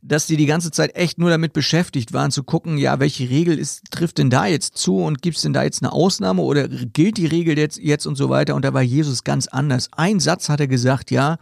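A man's voice: on the high side, fairly even intonation, fairly quick, gravelly, few pauses, dry recording, studio quality. A man hosting a podcast, chatting casually about Bible verses and thinking aloud with fillers and repeated words. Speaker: podcast host.

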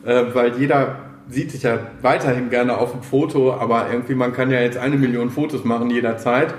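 Male host, casual and halting, average pitch, echoey room with slight noise. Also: steady tone. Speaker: podcast host. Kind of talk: casual chat. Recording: roomy echo, faint background noise.

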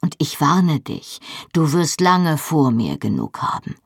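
A reader voicing a young Scottish husband who talks bluntly, sternly and mockingly. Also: male voice, on the high side, huge pitch swings, a little slow, creaky, breathy edge, dry recording, clean studio sound, heavily acted.

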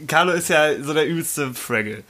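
A man's voice: a little high, animated, normal speed, sharp tone. A young man chatting casually and telling anecdotes in slangy, colloquial language.

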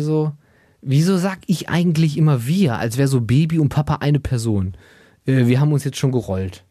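A man's voice: mid-range voice, warm tone, dry recording, studio quality. Chatty tired man, rambling. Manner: chatty, rambling, self-amused, puts on silly baby-talk voices. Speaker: podcast host. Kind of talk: casual monologue.

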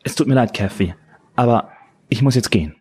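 A man's voice: medium pitch, fairly quick, a little mellow, husky, dry recording, pitched above the performer's own voice, lightly acted. A man reading an audiobook who voices an embarrassed, stammering young man.

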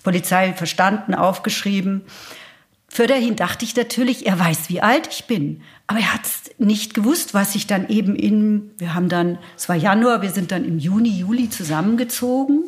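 A woman's voice: mid-range voice, moderate pace. A woman, telling a personal story as an interview guest and acting out the dialogue. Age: 60s. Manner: animated, acts out dialogue.

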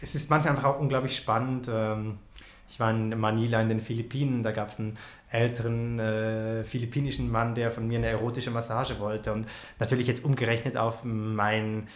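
A man from Switzerland with a Swiss accent, a podcast guest telling stories in a relaxed way with many fillers. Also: mid-range voice, fairly quick. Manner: relaxed storytelling with frequent fillers. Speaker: podcast guest, performance artist. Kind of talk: casual conversation. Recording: roomy echo.

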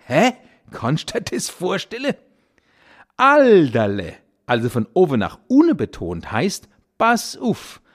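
Direction playful Palatinate-accented cabaret man. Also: fairly high pitch. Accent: Kurpfalz (Palatinate) German. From Kurpfalz region, Germany. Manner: playful, theatrical, exaggerated intonation, chuckling. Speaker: cabaret artist, podcast host. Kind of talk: comic dialect monologue.

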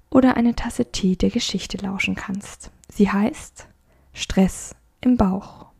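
Soft-spoken woman with gravelly fry. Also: medium pitch. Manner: soft, slow and soothing, at times half-whispered. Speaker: podcast host and storyteller. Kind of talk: calm mindfulness story narration.

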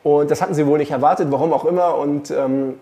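A man's voice: fairly high pitch, steady tone, quick pace, warm tone. A man, a journalist and podcast co-host, telling long anecdotes in casual chat with many fillers.

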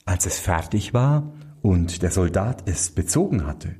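A man reading a fairy tale aloud, slow and very expressive. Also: sits low, husky. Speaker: storyteller.

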